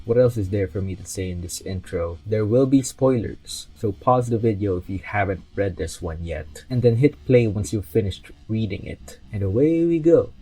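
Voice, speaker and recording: Low, mellow-voiced man reviewing a book. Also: low-quality recording. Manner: conversational, lightly joking asides. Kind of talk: casual chapter-by-chapter book review.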